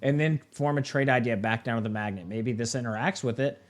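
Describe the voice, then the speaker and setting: A man's voice: mid-range voice, a little fast. A young man hosting a live trading session, walking through a platform in a casual way, with many fillers and tag questions. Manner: casual, filler-heavy, keeps asking "right?" and "okay?". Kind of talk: live screen-share walkthrough.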